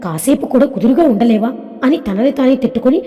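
A woman narrating a family drama story in a lively, chatty way. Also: sits high, fast, lo-fi sound. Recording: echoey reverb.

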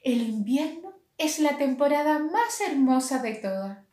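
A woman's voice: high voice, very animated, measured pace, warm tone, pitched above the performer's own voice. A woman voicing a hearty, cheerful young pig in a storybook reading, with an enthusiastic manner. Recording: roomy echo.

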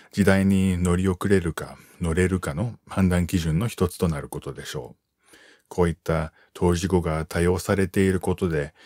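A man with a very low voice reads a prepared text at an unhurried, even pace. He slows down carefully over each term he spells out. The sound is close and dry, with no room around it. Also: dry recording. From United States. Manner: calm, measured reading, slowing to spell out terms. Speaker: narrator reading an article. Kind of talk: scripted reading for language learners.

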